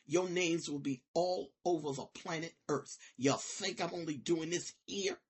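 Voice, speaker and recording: A woman student confronting officials in a disciplinary meeting, defiant and combative, swinging between shouting and low, menacing threats in informal speech. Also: unhurried, breathy edge. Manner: informal, nonstandard grammar.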